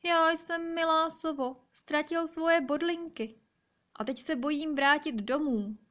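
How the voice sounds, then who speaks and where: Little hedgehog boy, very high, childlike, storybook, woman reading aloud. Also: a bit bright. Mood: worried. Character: small sad young male hedgehog.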